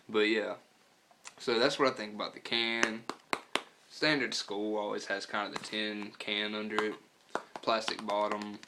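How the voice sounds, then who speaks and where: Low-voiced American man, lip full of dip. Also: little pitch movement, a little slow, background noise. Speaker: product reviewer and storyteller. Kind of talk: casual profane vlog chat.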